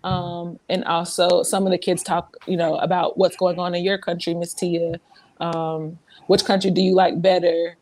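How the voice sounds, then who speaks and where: Her voice is fairly low, a little mellow, and barely moves in pitch as she talks at a normal speed. She's a young woman from South Carolina with a light Southern American accent, a teacher abroad appearing as a guest on a casual podcast. Earnest and reflective, she restarts sentences many times.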